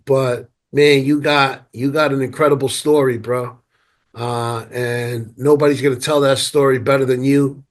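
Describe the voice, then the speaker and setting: A man's voice: mid-range voice, fairly even intonation, unhurried. A man hosting a podcast interview, hyped and slangy, often repeating words as he gets a sentence started. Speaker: podcast host. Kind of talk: casual interview chat.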